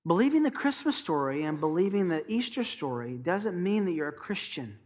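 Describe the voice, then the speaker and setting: A man with a high, light voice delivers a sermon from the pulpit. He leans hard on key phrases and slows down to stress them. His rhetorical questions press straight at the listener. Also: very animated, a little mellow. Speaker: pastor.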